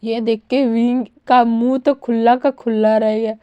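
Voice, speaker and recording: A woman's voice: on the high side, flat delivery, unhurried, warm tone, smooth, no room sound, dull audio. A woman retelling a fan-fiction story in a chatty, casual way with many fillers.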